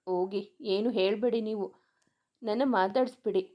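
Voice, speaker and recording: A woman's voice: medium pitch, steady tone, normal speed, dull audio, natural voice. A woman voicing a tearful young wife who pleads and reproaches her husband. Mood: hurt.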